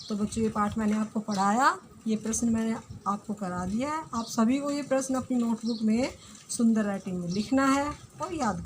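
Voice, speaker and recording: A woman's voice: a little high, a little hiss or hum. A woman teacher with an Indian accent giving a recorded lesson to young children, patiently explaining, asking questions and answering them herself. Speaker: primary school teacher.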